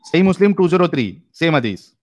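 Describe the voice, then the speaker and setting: A man's voice: fairly high pitch, sing-song, fairly quick. A man hosting a live-stream debate in a casual, teasing way, chuckling as he goes. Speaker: host.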